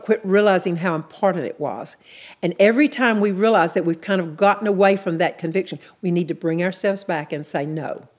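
A woman's voice: mid-range voice, darkish tone. A woman teaching a sermon in an earnest, plainspoken way, repeating her key points. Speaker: Bible teacher.

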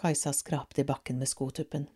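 A woman reading a story aloud in a calm, measured way. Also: rumbling low, breathy edge. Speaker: reader.

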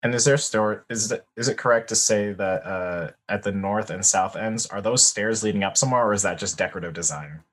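Male tabletop player, lowish voice, halting and unsure. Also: a bit bright. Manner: hesitant, thinking aloud. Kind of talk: casual game chat.

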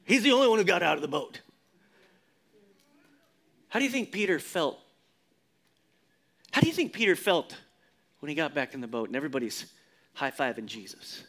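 Man, pastor, sermon, high-pitched, very lively intonation, dips into hushed emphasis. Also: moderate pace, pauses often. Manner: expressive, drops to a low hush for emphasis; leads the congregation in responses.

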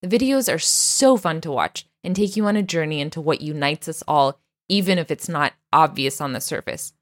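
A podcast host with a low voice reads an upbeat scripted introduction, then moves into a casual interview, chatting and laughing easily with her guest. She speaks at a normal speed.

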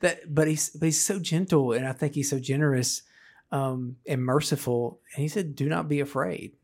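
A man co-hosting a casual Bible discussion who speaks in a gentle, reflective manner. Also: medium pitch, steady tone, normal speed.

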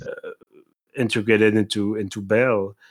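A man co-hosting a podcast in casual chat, thinking aloud with frequent pauses. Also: on the low side, flat delivery. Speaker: podcast co-host.

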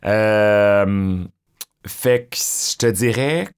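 A man's voice: lowish voice, extremely slow, smooth. A middle-aged man with a Québécois French accent, chatting as an interview guest and telling stories with lots of fillers. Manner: chatty, animated storytelling with many fillers. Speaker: drag performer, guest. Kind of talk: conversational interview.

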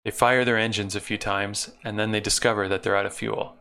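A man with a low, gravelly voice walks through an episode plot in a relaxed recap, stopping for dry, sarcastic asides. His tone has a sharp, forceful edge. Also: a little fast. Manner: wry sarcastic asides between plot summary.

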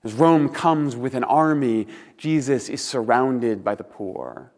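A man preaching a sermon as a pastor, speaking in deliberate, earnest phrases with rhetorical pauses, in a large empty room. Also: mid-range voice, a little mellow. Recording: reverberant empty hall.

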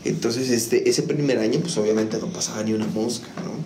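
A man's voice: lowish voice, steady tone, fairly quick. A man, a music school founder, telling his story in a casual interview with many fillers and restarts. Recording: echoey room with faint noise.

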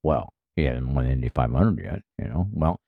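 A former racing team member now co-hosting a podcast chats casually about motor racing, rambling along with lots of fillers and "you know"s. His very deep voice has lively intonation, vocal fry, and a moderate pace. The audio sounds phone-quality, with no room sound.

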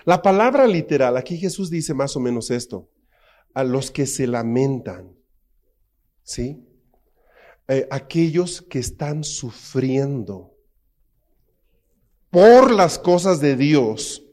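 A pastor with a Mexican Spanish accent preaches in a mid-range voice, slowly and with long pauses. He is animated and jokey, acting out quotes in funny voices and firing constant rhetorical questions at the congregation.

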